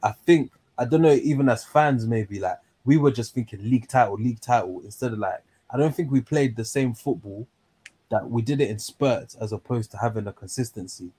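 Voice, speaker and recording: A man's voice: medium pitch, fairly quick, mellow, slightly rough. A man with a London accent hosting a casual discussion in a slangy, conversational way. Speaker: discussion host. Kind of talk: casual chat.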